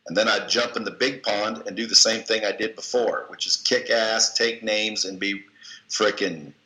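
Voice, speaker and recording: The man's voice sits on the low side, with fairly even intonation, normal speed, and a bright, forceful tone. An interview guest in an echoey room, he gives blunt, folksy coaching and motivational advice, swearing casually.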